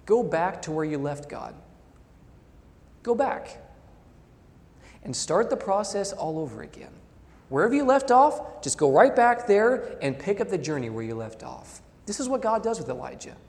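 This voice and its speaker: A male pastor preaching a sermon, reading quotations aloud and swinging between loud emphasis and soft asides. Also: sits high, big pitch swings, normal speed, big-room sound.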